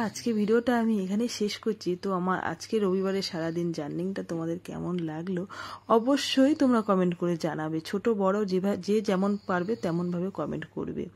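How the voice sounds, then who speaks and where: Husky-voiced woman chatting in a home vlog. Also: mid-range voice, moderate pace, darkish tone. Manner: rambling, chatty, talks straight to viewers. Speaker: family vlogger. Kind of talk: casual home vlog chat.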